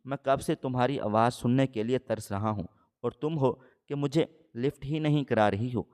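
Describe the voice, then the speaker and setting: A man's voice: mid-range voice, darkish tone, lightly acted. A man voicing a lovesick young man who pleads earnestly on the phone, in a storybook reading. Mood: pleading.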